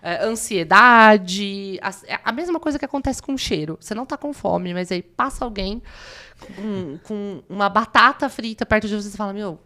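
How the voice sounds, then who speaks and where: Brazilian lady audiologist, são paulo accent, middle pitch, explains like a teacher, lively, lots of restarts. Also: normal speed. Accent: Brazilian, São Paulo state. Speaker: guest audiologist. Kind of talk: explaining like a lesson.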